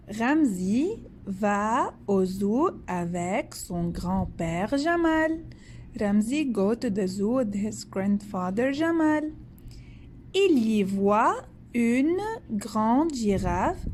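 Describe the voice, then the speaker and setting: A woman reads a children's story in French at a very slow, careful pace, stopping to spell letters and point out silent endings. Her voice sits a bit high and swings widely in pitch. Faint ambient noise sits behind her. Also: darkish tone. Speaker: teacher. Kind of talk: slow read-aloud French lesson for children, with English glosses.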